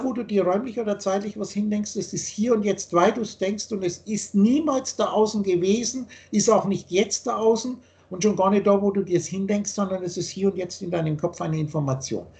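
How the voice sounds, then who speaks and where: Guy with a pretty high voice explaining his spiritual stuff on a video call, emphatic, keeps rewording things. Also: gravelly, darkish tone. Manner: emphatic, lecturing, repeats and rephrases. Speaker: spiritual teacher.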